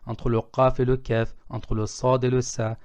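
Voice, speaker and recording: A man giving an online language lesson, patiently repeating words slowly to contrast their sounds. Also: medium pitch, flat delivery, a little mellow. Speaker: Arabic teacher. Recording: slightly dull lo-fi audio.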